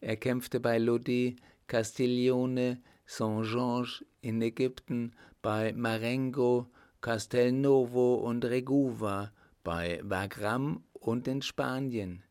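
A man's voice: medium pitch, steady tone, slow pace, few pauses, a little mellow, clean tone, voice pushed up. A man voicing a poor, humble widow in a story reading, speaking in a pleading and reverent way.

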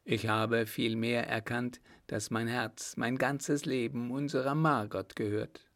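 An earnest young baron, as a male reader puts him on, vain and easily thrown off balance, protesting his broken heart. The voice is gravelly and unhurried, recorded close and dry. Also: mid-range voice, steady tone, fairly bright tone, no echo. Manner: earnest, indignant.

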